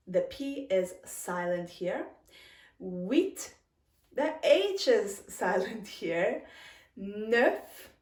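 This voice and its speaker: Slow, patient woman teaching a lesson. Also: a little high, darkish tone. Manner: patient, repeats words, chuckles often. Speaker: French teacher. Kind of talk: slow, careful language lesson. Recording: roomy echo, a little far from the mic.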